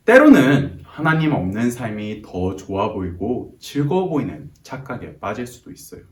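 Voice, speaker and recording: Male children's pastor, lively encouraging delivery, mic set back in an echoey room. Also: medium pitch. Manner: gentle, encouraging, addresses children directly. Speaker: children's ministry preacher. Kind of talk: children's sermon and prayer. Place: church hall. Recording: roomy, from a distance.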